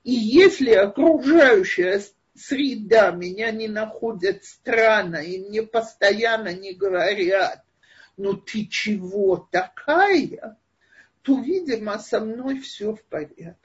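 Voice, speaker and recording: A woman's voice: mid-range voice, unhurried, hardly any pauses, breathy edge, dull audio. A woman giving an online lecture and answering questions in a thoughtful, hesitant way, recorded over a video call.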